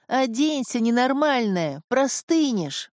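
A woman's voice: mid-range voice, sing-song, unhurried, darkish tone, dry recording, studio quality. A woman voicing a scolding, fussing middle-aged mother in an audiobook.

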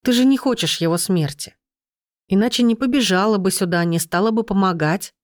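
Reader putting on a patient young guy healer, firm and calm, dry studio read. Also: sits high, fairly quick, dry recording, lightly acted. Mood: pleading. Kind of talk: audiobook character voice.

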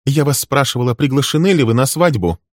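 A man voicing a volatile young female secretary who shouts in a high, shrill voice. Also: fast, dry recording, studio quality, natural voice. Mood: sharp.

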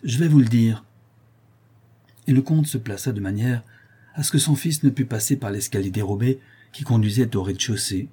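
A man narrating a novel as an audiobook in a measured, dramatic reading style. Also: medium pitch, mellow, slightly rough. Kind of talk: scripted narration.

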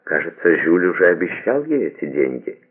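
A man's voice: extremely low pitch, big pitch swings, moderate pace, heavily acted. A man reading the part of a carefree young noblewoman who speaks in an offhand, breezy way. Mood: puzzled. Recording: tinny phone-like lo-fi audio.

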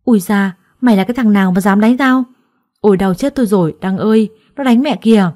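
A woman's voice: on the low side, brisk, warm tone, no room sound, natural voice. A woman voicing a harsh, spiteful older adoptive mother who scolds with scorn in a storybook reading. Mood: shrieking.

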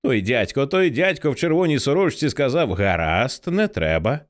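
A man voicing a frightened young woman who speaks in halting, stammering phrases. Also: mid-range voice, sing-song, voice pushed up, natural voice.

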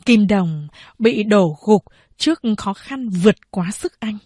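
A woman narrating a story in a steady, even storytelling voice. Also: medium pitch, slow, slightly rough, dry recording, clean studio sound.

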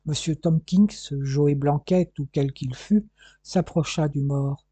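An audiobook narrator reading a detective novel aloud in a steady storytelling manner. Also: medium pitch, slow pace, slightly rough, no echo.

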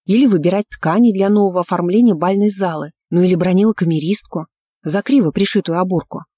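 A woman reading a first-person fantasy audiobook with ironic, lively storytelling. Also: lowish voice, quick pace, husky, dry recording. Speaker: audiobook reader.

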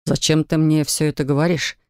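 A woman's voice: sits low, little pitch movement, fairly quick, smooth, dry recording, clean studio sound. A woman doing a wounded, coaxing husband. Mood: indignant. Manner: soft, coaxing and pained. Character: troubled husband, an investigator, gentle but wounded.

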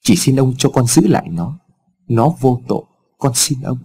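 A man's voice: medium pitch, lively intonation, moderate pace, gravelly, mellow, husky. A man doing a pleading young servant girl. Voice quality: trembling, tearful pleading.

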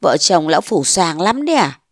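A woman's voice: fairly low pitch, very animated, moderate pace, no room sound, studio quality. A woman voicing a pompous, bullying old mandarin who scolds and blusters, in a storybook reading. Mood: blustering.

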